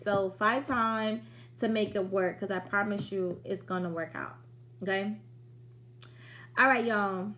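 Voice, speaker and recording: A woman in her late thirties hosting a business livestream in a chatty, direct, motivating way with slangy asides. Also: mid-range voice. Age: late 30s. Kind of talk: casual livestream talk.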